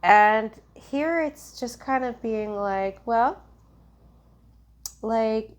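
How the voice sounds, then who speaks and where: A native English-speaking woman gives a casual spiritual tarot reading, meandering loosely with plenty of fillers and restarts. Her voice is fairly high pitched, and she draws out her words.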